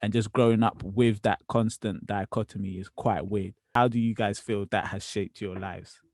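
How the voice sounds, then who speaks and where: A man in his twenties hosting a casual podcast chat, relaxed and easygoing, with frequent ums. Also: fairly low pitch, normal speed, dry recording. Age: 20s. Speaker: podcast host.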